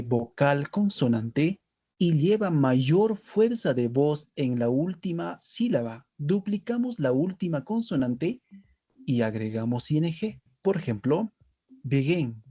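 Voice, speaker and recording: A man's voice: on the high side, mellow, breathy edge, no room sound. A man narrating a scripted language lesson, spelling out letters and pairing each word with its translation. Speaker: English teacher.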